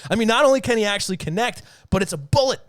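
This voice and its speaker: A man with a New York accent co-hosting a hockey talk show, animated and excited, quick to laugh and answering his own questions. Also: high voice, dry recording, studio quality. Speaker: podcast co-host.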